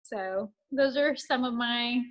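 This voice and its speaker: A woman in her thirties sharing fond family memories of her grandmother in a halting, casual way, with many fillers and restarts. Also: fairly high pitch, low-quality recording. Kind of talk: casual spoken tribute.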